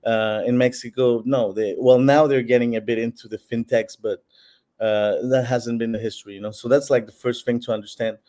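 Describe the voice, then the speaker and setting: Here the bitcoin platform's Peruvian founder speaks briskly in a mellow, mid-range voice with fairly even intonation. He fields interview questions in an explanatory manner, often using fillers and starting over.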